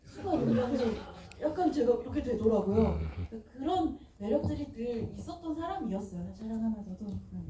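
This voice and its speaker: An actress talking on stage after a film screening, soft-spoken and reflective, often trailing off. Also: female voice, a little high, expressive, a little fast, distant mic, a little hiss or hum. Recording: echoey hall, mic heard from afar.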